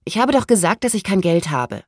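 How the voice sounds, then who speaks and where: A woman's voice: medium pitch, big pitch swings, brisk, no echo, clean studio sound, voice pushed up. A woman voicing a well-behaved young girl in an audiobook, earnest and defensive. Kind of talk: audiobook character voice.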